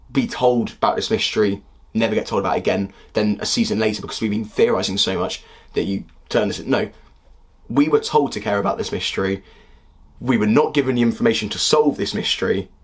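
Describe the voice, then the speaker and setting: A young man in his twenties with a husky voice, talking through a casual critique of a TV series in a heated, exasperated way. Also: on the low side. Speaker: video critic.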